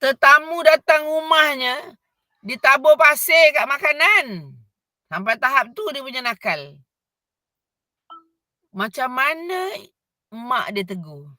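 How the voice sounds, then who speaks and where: A woman's voice: high-pitched, takes it slowly, long pauses, no echo. A middle-aged woman with a Malaysian Malay accent, teaching a voice class and acting out scolding voices. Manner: expressive, acts out scolding voices. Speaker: vocal coach. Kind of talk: voice class talk.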